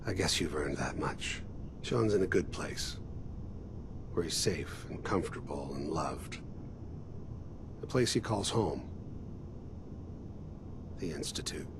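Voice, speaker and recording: A cold, unhurried mercenary in a video game, his voice extremely deep and slow. He talks quietly with menace, sometimes sinking into a whisper. It is game audio with a steady noise underneath. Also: full character voice. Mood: menacing calm. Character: cold, calm middle-aged male mercenary.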